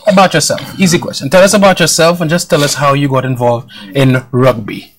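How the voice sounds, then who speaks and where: A man's voice: a little high, steady tone, brisk, a little hiss or hum. A man in his thirties hosting a live sports talk show, talking loosely and rambling with many fillers. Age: 30s.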